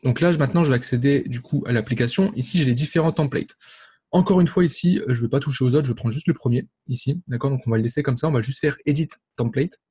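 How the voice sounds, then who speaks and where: A man talks through a screen-recorded tutorial at an ordinary middle pitch. He explains each click in a loose, chatty way, filling his pauses with hesitations. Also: dark tone. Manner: casual, explanatory, many fillers and verbal ticks. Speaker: e-commerce tutorial host.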